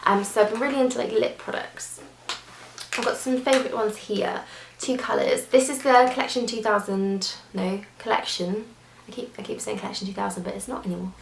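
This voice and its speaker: A woman's voice: on the high side, fairly quick, vocal fry, slight background noise. A young woman chatting casually through a beauty product review, gushing, with lots of fillers and restarts. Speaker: beauty vlogger. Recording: echoey room.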